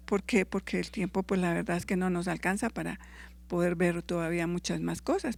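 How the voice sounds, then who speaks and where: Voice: medium pitch, creaky. A Bible teacher giving a class, reading verses aloud, fixing misread references and checking in with listeners. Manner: reads scripture aloud and corrects its own verse references; checks in with listeners with short tag questions.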